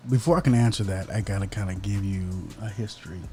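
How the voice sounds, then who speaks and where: A man's voice: lowish voice, fast, dark tone, faint music behind. A young man from Kansas, a podcast guest, telling stories casually and checking in with "okay?" and "right?". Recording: faint background noise.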